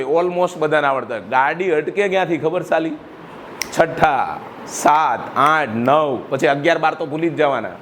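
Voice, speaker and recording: A man's voice: fairly high pitch, a bit bright, slight background noise. A middle-aged man with a Gujarati accent, a school director giving a motivational speech to students and throwing questions at the room. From Gujarat, India. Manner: rhetorical, quizzes the audience. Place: school hall.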